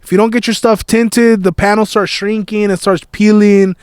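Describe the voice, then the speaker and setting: A man's voice: high voice, little pitch movement, moderate pace, darkish tone, clear, resonant tone, no echo, studio quality. A young man hosting a podcast in casual chat, laid-back and slangy, dropping "bro" and "man" often. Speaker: podcast host.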